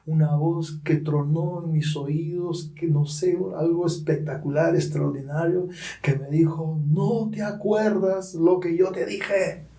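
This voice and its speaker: A man's voice: a little high, dark tone. A middle-aged man with a Peruvian Spanish accent, a pastor telling his personal testimony as a dramatic storyteller who often adds tag questions. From Peru. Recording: roomy sound from a distant mic.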